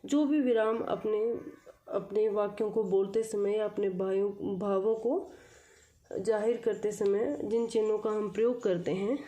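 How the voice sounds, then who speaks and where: A woman's voice: medium pitch, steady tone, unhurried, warm tone. A woman, explaining a school lesson, patiently repeating and rephrasing each point. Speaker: teacher.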